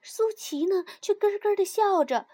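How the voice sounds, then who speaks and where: A woman narrating a children's story in an expressive, animated reading style. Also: very high-pitched, unhurried.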